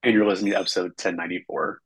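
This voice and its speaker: Husky man through a tinny, tin-can mic. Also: low-pitched, level tone, rapid-fire, a bit bright, no echo. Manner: casual, joking, swears freely. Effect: tinny sound from a faulty microphone, like talking in a tin can. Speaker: podcast co-host. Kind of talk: casual chat.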